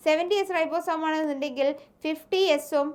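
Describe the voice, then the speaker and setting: Woman, Malayali accent, very high voice, biology teacher, slow English reading, frequent questions. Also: a little mellow. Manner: reads English lines slowly, then explains, asks pupils questions; affectionate, calls students "children". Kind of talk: line-by-line textbook reading lesson.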